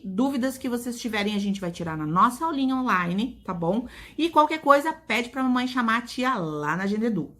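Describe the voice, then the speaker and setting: A woman with a Brazilian Portuguese accent, teaching a recorded lesson for young children and slowly drawing out stressed syllables. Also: mid-range voice, sharp tone. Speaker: primary school teacher.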